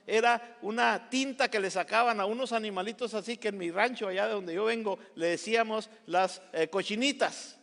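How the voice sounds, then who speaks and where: A man preaches from a church pulpit in a strikingly high voice. He drives his points home through repeated, building phrases and breaks into homely asides with the congregation. His voice rings out with the long reverb of a church hall. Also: fairly bright tone. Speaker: pastor. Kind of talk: sermon. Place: church sanctuary.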